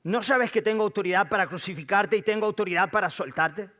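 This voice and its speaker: A man's voice: high-pitched, quick pace, bright, forceful tone, pitched above the performer's own voice. A man voicing an exasperated Roman governor, raising his voice as he questions. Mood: pressing.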